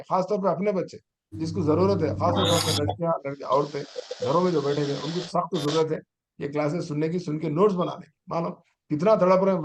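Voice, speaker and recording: A middle-aged man, a teacher trainer giving an online exam-prep lecture and urging his students on with rhetorical questions. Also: fairly high pitch.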